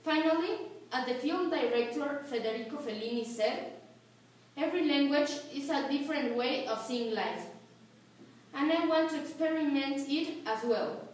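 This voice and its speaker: A teenage student from Mexico, a native Spanish speaker with a Mexican Spanish accent, carefully recites a school speech phrase by phrase. Her high-pitched voice is animated and moves at a moderate pace. The room echoes, the mic is distant, and there's a faint hiss.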